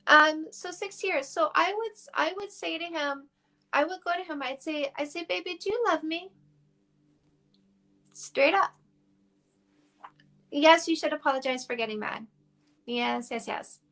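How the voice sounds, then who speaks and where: A woman's voice: sits high, unhurried, pauses often, pushed and bright. A woman dating coach from Canada giving blunt, frank advice to viewers on a casual phone livestream.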